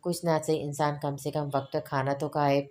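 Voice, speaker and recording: A woman's voice: low voice, flat delivery, normal speed, darkish tone, close to an everyday voice. Woman doing a stern young husband. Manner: scolding, firm.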